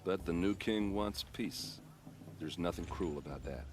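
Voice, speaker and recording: An actor, speaking low and at a measured pace, plays a young soldier of a king's vanguard in a video game cutscene. The character is friendly and talkative, bragging about his tribe and his steel armor, with ambient noise in the game audio.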